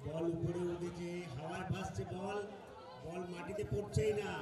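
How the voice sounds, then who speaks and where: A man giving excited live football commentary, calling the play in short exclamatory bursts. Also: high-pitched, normal speed, recorded from a distance. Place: outdoor football ground. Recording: echoey PA sound from afar, loud outdoor crowd. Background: loud crowd and outdoor noise.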